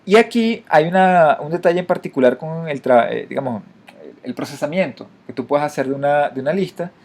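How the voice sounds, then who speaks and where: A man walking through his own code in a screen-recorded programming lesson, talking to viewers directly and pausing on fillers. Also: fairly high pitch, lively intonation, a little mellow. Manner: explanatory, frequent fillers and restarts, addresses viewers directly. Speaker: programming instructor. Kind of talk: screen-recorded coding tutorial.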